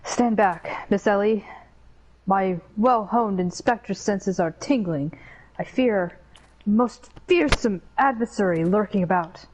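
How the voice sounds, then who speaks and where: A woman voicing a pompous, earnest gentleman detective from a game, formal and melodramatic. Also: medium pitch, measured pace, a little hiss or hum, lightly acted, low-quality recording. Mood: grave.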